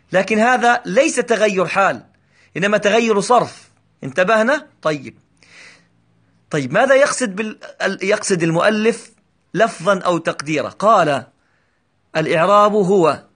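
High-voiced man teaching grammar. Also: a bit bright. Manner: patient, repeats examples slowly and checks understanding. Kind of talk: grammar lesson explanation.

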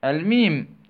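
Slow, questioning teacher on a tinny line. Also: male voice, high voice. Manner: asks rhetorical questions and answers them himself, repeats key words; slow, drawn-out phrasing. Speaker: Quran recitation teacher. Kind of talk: tajweed lesson, explaining verses of a poem. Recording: tinny phone-like recording.

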